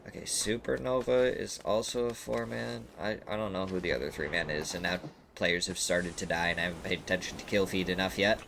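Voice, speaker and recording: A man's voice: brisk, creaky, background noise. Stuffy-nosed man doing esports play-by-play. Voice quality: congested, blocked-nose sound. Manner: excitable, voice leaps high and loud at big moments. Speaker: esports commentator. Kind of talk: live play-by-play game commentary.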